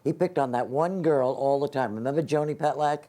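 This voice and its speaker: A man's voice: a little high, fairly quick, warm tone. An older man, a retired dancer on a panel, recalling the old days in a matter-of-fact way. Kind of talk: casual panel reminiscence.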